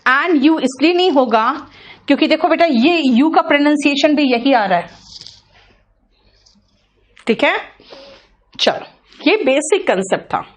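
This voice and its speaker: A woman's voice: sits high, lively intonation, a little slow, long pauses. A woman with an Indian accent teaching English pronunciation in an online class, patiently repeating sounds and checking that students follow.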